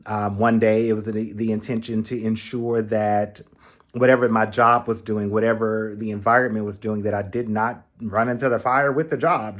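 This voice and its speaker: A man casually telling a story in his vlog, animated, with sudden high exclamations and acted-out quotes of other people. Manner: acts out quoted voices in his retelling. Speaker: vlogger.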